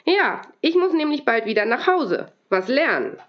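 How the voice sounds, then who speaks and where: A woman's voice: high voice, very animated, normal speed. A woman doing a perky little girl. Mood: cheerful. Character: cheerful, cheeky little girl inventor. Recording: dull lo-fi recording.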